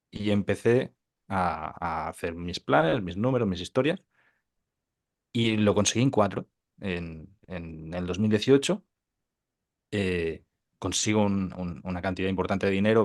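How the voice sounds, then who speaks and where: Speaking casually in a low voice, this thirtysomething from Catalonia, Spain, is a digital entrepreneur on a podcast. His interview storytelling is informal and halting, marked by repeated words and tag questions.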